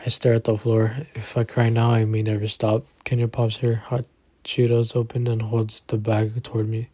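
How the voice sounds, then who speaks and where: A man narrating an audiobook in the first person in an even, understated reading. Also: on the low side, normal speed, dry recording.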